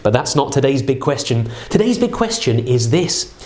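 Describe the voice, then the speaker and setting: A man's voice: medium pitch, very animated, moderate pace, darkish tone, echoey room. A man presenting to children like a kids party magician, with jokey, theatrical patter in a scripted show.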